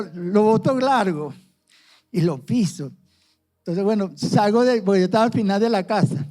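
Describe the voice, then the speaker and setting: A middle-aged man with a Venezuelan accent giving a personal testimony at church, halting and often repeating his words. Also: high voice, a little mellow. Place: church service.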